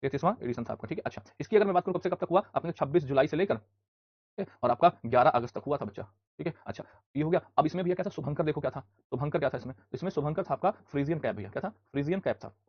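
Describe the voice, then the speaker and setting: Fast-talking male teacher, husky voice. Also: on the high side, lively intonation, no room sound, dull audio. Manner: fast, repetitive drilling with rhetorical questions; scolds students loudly at times. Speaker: online exam-prep teacher. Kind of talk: live online class.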